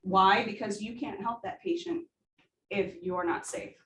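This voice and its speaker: A woman nursing instructor with a big voice debriefs a student after a simulation, coaching emphatically and posing rhetorical questions. Her medium-pitched voice is fairly bright and unhurried. The simulation room sounds echoey, she is heard from a distance, and there is slight background noise.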